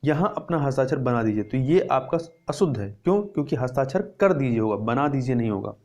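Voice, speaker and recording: A man's voice: medium pitch, animated, a little fast, darkish tone. A male teacher working through exam questions. He explains step by step, repeats the answers and asks and answers his own questions. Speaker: Hindi teacher. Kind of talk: exam prep lesson.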